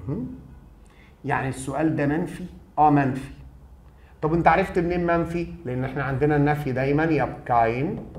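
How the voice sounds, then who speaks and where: A man's voice: on the high side, reverberant. Egyptian guy lecturing german grammar, voice jumps all over, quizzes himself. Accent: Egyptian Arabic. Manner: lively, asks and answers his own questions. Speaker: German teacher. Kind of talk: classroom lecture.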